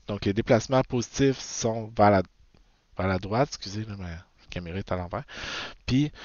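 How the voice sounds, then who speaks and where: A man with a Québécois French accent gives a physics lecture in a low voice. He keeps checking in with "ok?" and corrects himself mid-sentence. The recording is dry and dull, with a lo-fi edge. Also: no room sound. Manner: frequent "ok?" checks, self-corrections. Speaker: physics teacher.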